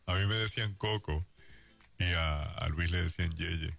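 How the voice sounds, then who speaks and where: A man with a Puerto Rican accent preaching a sermon, telling stories in a lively way and acting out the voices he quotes. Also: low voice, normal speed, creaky, faint music behind. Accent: Puerto Rican Spanish. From Puerto Rico.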